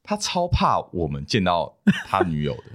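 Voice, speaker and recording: Low-voiced, expressive man. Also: normal speed. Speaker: podcast co-host. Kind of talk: casual chat.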